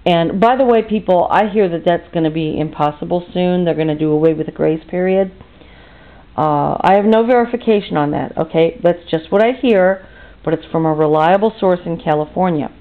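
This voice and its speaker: A woman's voice: on the low side, a little fast. A tired American woman in her fifties, chatting and ranting indignantly in a rambling vlog monologue. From United States. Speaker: vlogger. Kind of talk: casual monologue rant. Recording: tinny phone-like audio.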